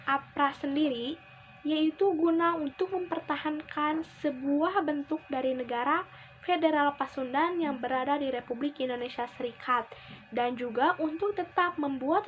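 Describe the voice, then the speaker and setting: A young woman presenting a school history assignment, reading earnestly from notes with halting phrasing. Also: sits high. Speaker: student presenter. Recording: dull lo-fi recording with faint hiss.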